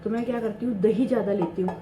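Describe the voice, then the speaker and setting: Soft-spoken woman in a hushed voice-over. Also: medium pitch, steady tone, rapid-fire, a little hiss or hum. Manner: chatty, confiding. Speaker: home vlogger. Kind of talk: quiet voice-over narration of daily chores. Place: home. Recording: roomy home voice-over with faint ambience.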